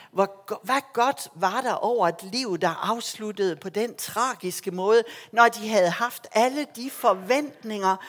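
A woman preaching a sermon, telling the story with feeling and acting out the lines of the people in it. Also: medium pitch. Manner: animated storytelling, acting out quoted voices.

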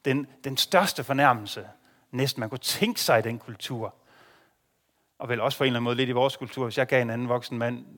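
A man preaching a sermon in a dramatic way, swinging between hushed and loud delivery. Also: mid-range voice.

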